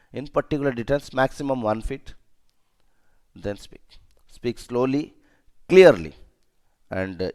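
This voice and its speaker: A man with an Indian accent and a medium-pitched, darkish voice instructs a class as a safety and security trainer. He stresses his points, goes over them again and asks brief questions to make sure they've landed.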